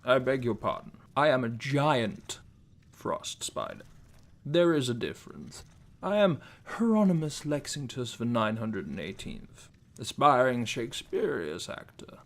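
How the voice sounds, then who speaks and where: A man's voice: mid-range voice, very animated, a little slow, creaky. A man voicing a pompous male giant frost spider who dreams of being a stage actor, speaking in a haughty, precise, theatrical way. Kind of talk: comedic mock interview.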